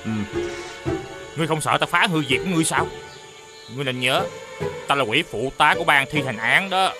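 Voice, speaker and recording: A man's voice: fairly high pitch, fairly quick, music in the background, natural voice. An actor playing a stern male demon assistant from the underworld, with a formal, commanding manner. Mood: wary gruff. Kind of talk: TV fairy-tale drama acting.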